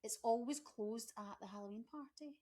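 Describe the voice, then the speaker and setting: A woman's voice: a little high, moderate pace, dark tone. A woman co-hosting a casual chat, jumping in with jokey asides. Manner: chatty, jumps in with jokey asides. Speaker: podcast co-host.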